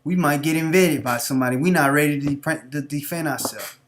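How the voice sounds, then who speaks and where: A man's voice: on the high side, a little fast, a bit bright, slight background noise. A man hosting a live stream, talking off the cuff in a preachy, repetitive, street-talking way. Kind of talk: unscripted monologue.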